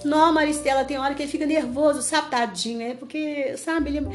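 A woman's voice: high voice, fairly even intonation, a little fast, faint music behind. A woman preacher giving a fervent sermon, repeating phrases and rising to emphatic commands.

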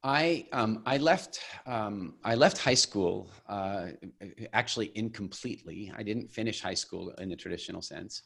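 A man in his forties telling his life story as an interview guest, animated and full of restarts, acting out quoted voices. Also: on the low side, moderate pace, creaky. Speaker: guest, business founder.

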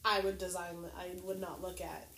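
A woman chatting casually with friends in a halting way, full of fillers and restarts. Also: lowish voice, flat delivery, creaky, a bit bright. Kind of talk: casual chat. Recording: roomy echo, faint noise.

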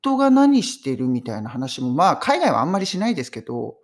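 A Japanese woman teaching English phrases in a chatty, animated way, mixing in personal stories. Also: low voice, fast talker. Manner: chatty, animated storytelling with laughs. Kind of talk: casual English lesson.

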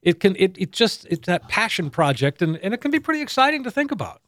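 A man's voice: sits high, sing-song, fast talker, a bit bright, no room sound. A man hosting a call-in radio show about retirement money, easygoing and agreeable, reading out the phone number.

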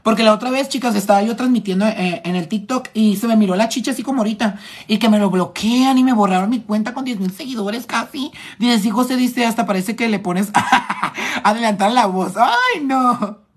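On a phone live stream, a male makeup artist with a high, brisk voice reads viewer comments aloud, teasing and flamboyant throughout. He's from Tijuana and has a northern Mexican accent.

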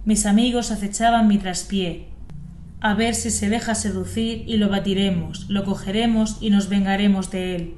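A woman serving as lay reader, reading scripture aloud at a measured, even pace. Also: medium pitch, slight background noise. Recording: echoey church.

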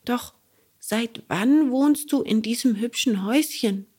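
A woman voicing a remorseful wooden puppet boy in a storybook reading, with a high, bright childlike voice. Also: measured pace, slightly rough. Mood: pleading.

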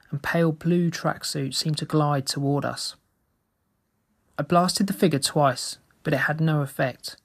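A man narrating a first-person story in a steady, measured reading. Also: a little high.

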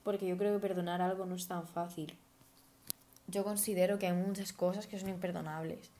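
A woman's voice: on the low side, level tone, fairly quick, dark tone. A woman, hosting a reflective personal monologue in an earnest, thoughtful, advice-giving way. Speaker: podcast host.

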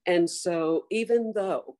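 A woman reflecting in a slow, measured way on her volunteering in a church group. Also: on the low side, darkish tone.

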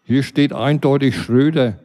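A man voicing a calm female shop clerk on a speakerphone, slow and matter-of-fact. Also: mid-range voice, lightly acted. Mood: gelassen.

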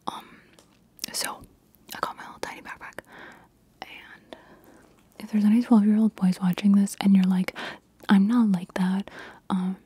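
A woman whispering breathy ASMR with tingly mouth sounds, rambling casually and playfully repeating words and short phrases. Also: medium pitch, fairly even intonation, measured pace, pauses often, mellow. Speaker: ASMR video creator.

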